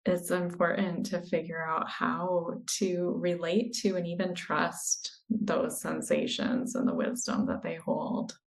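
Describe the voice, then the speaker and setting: A woman in her thirties, a coach speaking as a podcast guest, explaining in an earnest, measured way. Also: lowish voice, gravelly, poor audio. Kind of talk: interview conversation.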